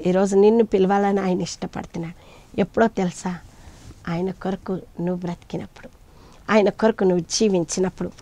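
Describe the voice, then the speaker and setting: A woman preaching a sermon who rises to loud emphatic peaks and drops to soft appeals, speaking to listeners as her beloved children. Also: medium pitch, steady tone, brisk.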